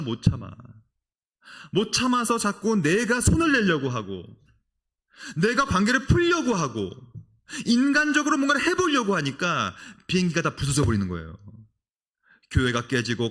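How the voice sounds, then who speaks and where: Animated male preacher giving a lively lecture. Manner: animated storytelling with sudden emphatic high bursts; engages the audience with direct address and questions. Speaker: guest lecturer at a church couples' retreat. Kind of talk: sermon-style lecture. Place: church.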